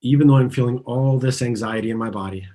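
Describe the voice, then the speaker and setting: Speaking fast in a warm, medium-pitched voice, an Argentine-born man raised in the US leads a group tapping session. He guides earnestly and has listeners say his phrases back to him.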